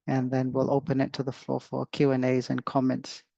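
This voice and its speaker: A man talks through an online lecture in a hesitant way, stopping for fillers and restarting his sentences. His voice has a gravelly, creaky edge and sits at an ordinary pitch. The sound is dull and lo-fi, like video-call audio, and it is dry with no room echo. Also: completely flat delivery, normal speed, dark tone. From Samoa. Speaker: clinical advisor giving a webinar talk.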